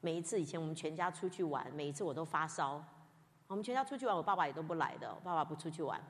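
A woman's voice: sits low, lively intonation, rapid-fire. A woman pastor preaching a sermon, telling candid, self-mocking stories from her own life. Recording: long reverb, as in a hall.

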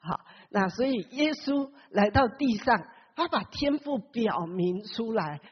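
A woman's voice: fairly high pitch, animated, measured pace, a little hiss or hum. A woman preaching a sermon who keeps asking the congregation questions and acts out the Bible characters with big swings in her voice. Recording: long hall reverb, dull lo-fi sound.

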